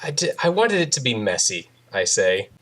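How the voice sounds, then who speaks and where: A man's voice: medium pitch, big pitch swings, normal speed, a bit bright. A man playing a tabletop role-playing game, casually describing his character's actions and lines. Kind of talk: casual role-play chat.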